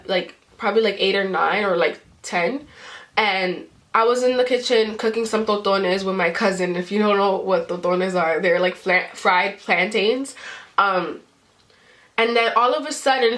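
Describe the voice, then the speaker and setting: A woman's voice: medium pitch, a bit bright. A young woman vlogger with a congested, stuffed-up voice, telling a story in casual chat full of ums and likes. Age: young adult. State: congested from a cold.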